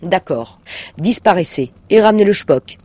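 A greedy horned demon with a cunning, impatient streak, as a male reader puts him on. The voice sits high and pushes loud, swinging between sly coaxing and outright shouting. It belongs to a storybook reading. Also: expressive, moderate pace, no echo. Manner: sly, blustering, sometimes shouting. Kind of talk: audiobook reading.

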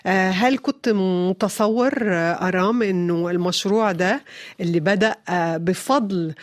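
A woman with an Egyptian Arabic accent hosts a conversational radio interview, phrasing hesitantly with pauses. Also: fairly low pitch, no room sound, studio quality.

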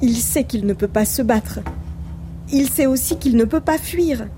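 A woman reading a children's storybook aloud in a gentle, calm way. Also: fairly high pitch, a little slow, music in the background. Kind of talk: scripted storybook narration.

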